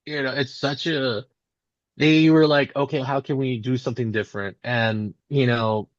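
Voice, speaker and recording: A man's voice: mid-range voice, steady tone, normal speed, no echo. Casual, chatty man in a dull recording. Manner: rambling storytelling, acting out imagined quotes. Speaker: independent pro wrestler being interviewed. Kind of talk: casual interview chat.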